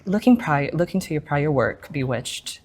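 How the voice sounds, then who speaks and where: A woman interviewing on the radio, enthusiastic and quick with affirmations. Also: low-pitched, animated, a little mellow. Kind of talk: casual interview.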